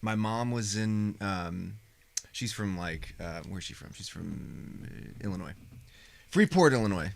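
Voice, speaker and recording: An American man from Indiana chatting casually as an interview guest, halting and rambling as he searches for his words. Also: low voice, animated, vocal fry. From Indiana, United States. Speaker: guest, stage performer.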